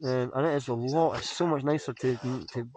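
A man, talking casually to camera from inside a small tent at night, relaxed and rambling with lots of ums. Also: medium pitch, normal speed, a crowd in the background. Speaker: hiking vlogger. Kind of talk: casual vlog talk to camera. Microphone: camera held close while lying down.

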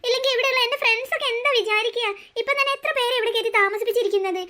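A woman's voice: very high-pitched, very fast, sharp tone. A woman voicing a bold, clever young girl in a cartoon story, an indignant and protective big sister. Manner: indignant, plotting. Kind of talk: cartoon voice acting.

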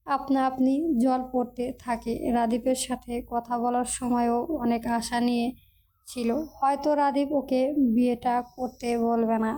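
Woman reading a story out loud, kinda monotone, soft mellow voice. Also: on the high side. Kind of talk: storybook narration.

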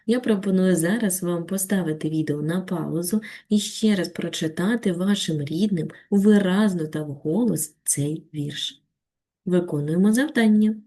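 A woman with a Ukrainian accent teaching a children's reading lesson on video, reciting a poem slowly and expressively, then patiently guiding the class. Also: lowish voice. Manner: slow, expressive poetry recitation. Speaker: primary school teacher.

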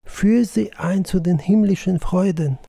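A man's voice: on the high side, measured pace, vocal fry, warm tone, husky, pitched above the performer's own voice, exaggerated voice. A man voicing a fervent praying peasant wife. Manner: fervent pleading prayer. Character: devout grieving peasant wife, middle-aged woman. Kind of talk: audiobook reading.

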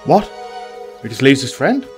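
Brief: young male gaming host, mocking and sarcastic, lively up-and-down delivery, soft music underneath. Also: mid-range voice, moderate pace. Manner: teasing, sarcastic. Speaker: gaming YouTuber. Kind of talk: casual gameplay commentary.

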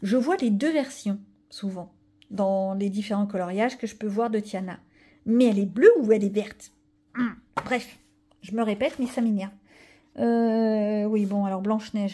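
A woman's voice: a little high, mellow. A woman chatting casually to viewers about her coloring books, rambling with many asides and fillers. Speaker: coloring vlogger. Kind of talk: casual chat showing coloring pages.

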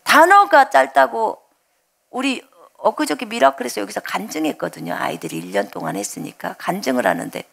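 A woman's voice: a little high, sing-song, fairly quick, creaky, a bit bright. A woman pastor from the Jeolla region giving an earnest sermon, telling her own story and acting out her prayers aloud. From Jeolla, Korea.

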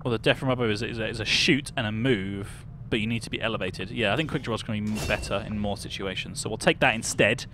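A man's voice: lowish voice, fast, hardly any pauses, background noise. A young British man streaming a video game, chatting with viewers, greeting them by name and thinking aloud as he plays. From United Kingdom. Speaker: livestreamer. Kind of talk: casual game livestream chat.

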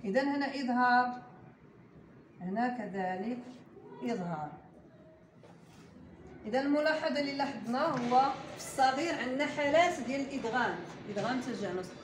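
A woman with a Moroccan Arabic accent teaching Quran recitation to a class, quizzing her students and slowly drawing out each example word. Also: on the high side. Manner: patient, slow and drawn out when modelling recitation; quizzes the class and prompts answers. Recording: echoey room with steady background noise.

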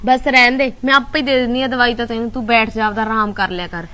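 Casting: actress as a young, high-pitched, chiding but caring sister-in-law in a village family drama. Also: female voice, quick pace. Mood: insistent. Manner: lively, chiding, affectionate. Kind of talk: Punjabi web drama acting.

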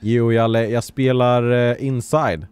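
Male streamer, middle pitch, running chatty commentary with bursts of shouting. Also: steady tone, clean tone, no room sound. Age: adult parent. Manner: chatty, talks to chat and game characters, bursts into yells. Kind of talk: live let's-play commentary.

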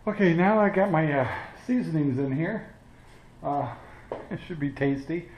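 Older male cooking host, casual and unhurried, roomy kitchen sound with a dull edge. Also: a little high, expressive, slight background noise. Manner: easygoing, halting, chuckles often. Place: home kitchen. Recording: roomy, slightly dull home audio.

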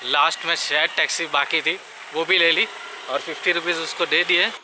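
Young male vlogger, chatty, on a handheld camera outdoors with clear street noise. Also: fairly high pitch, steady tone, normal speed. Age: young adult. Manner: chatty, addresses viewers as bhai, mixes English phrases. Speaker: travel vlogger. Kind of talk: casual travel vlog to camera. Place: outdoors on rainy streets and forest paths. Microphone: handheld camera at arm's length.

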